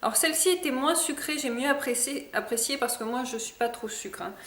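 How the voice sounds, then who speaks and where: A woman's voice: high voice, a little fast, a bit bright, echoey room. A woman chatting casually in a product review vlog, hesitant with many fillers. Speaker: vlogger.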